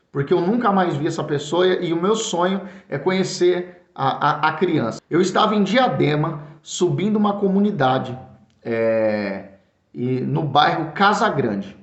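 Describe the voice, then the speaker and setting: A man with a São Paulo Brazilian accent preaching earnestly, repeating his words and stumbling over fillers as he calls the listener brother. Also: on the high side. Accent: Brazilian Portuguese, São Paulo. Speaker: pastor, Bible teacher. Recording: echoey room, dull lo-fi sound.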